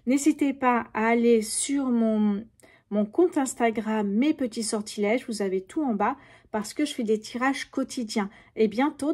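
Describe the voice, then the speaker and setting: A woman's voice: a little high, a little mellow. A middle-aged woman, chatting casually to viewers during a tarot reading, full of fillers and asides. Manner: chatty, addresses viewers directly, many fillers. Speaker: tarot reader.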